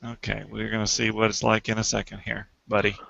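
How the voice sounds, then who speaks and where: A man running a tabletop game as game master, relaxed and laughing as he looks up the rules. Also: on the low side, fairly quick, gravelly. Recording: dull lo-fi home recording.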